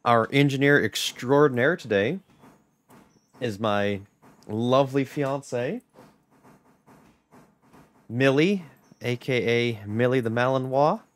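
A man giving chatty, joking commentary on a live gameplay stream and greeting viewers. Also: medium pitch. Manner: joking, chatty, talks to chat. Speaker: game streamer.

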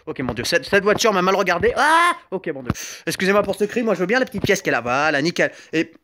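A man's voice: sits high, expressive, fast, fairly bright tone, slight background noise. A young man whose first language is Italian, doing jokey, rambling commentary while playing mobile games, with sudden yelps and silly asides. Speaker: gaming YouTuber. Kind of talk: joking gameplay commentary.

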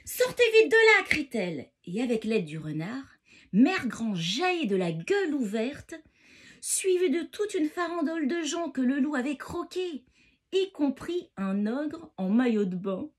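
A woman's voice: sits high, very animated, a little slow, a little mellow. A woman reading a bedtime story to children, talking to them directly and expressively.

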